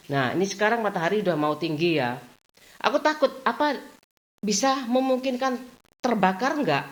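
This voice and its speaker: A woman's voice: fairly low pitch, poor audio. A middle-aged woman, chatting casually in a home vlog, acting out bits of conversation with frequent laughs. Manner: chatty, acts out quoted talk, often laughs, repeats filler tag. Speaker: vlogger.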